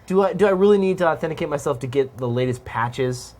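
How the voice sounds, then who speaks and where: A man co-hosting a casual chat show, relaxed, ranting freely and laughing easily. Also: fairly high pitch. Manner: laid-back, ranting, quick to laugh. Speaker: co-host.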